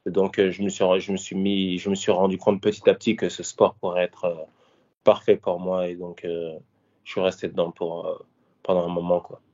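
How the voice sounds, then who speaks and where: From Paris, this thirties-aged ex-fighter turned coach gives a low, dark, completely flat delivery at a moderate pace. He stumbles through casual interview answers full of fillers and restarts, and the recording sounds dull and lo-fi.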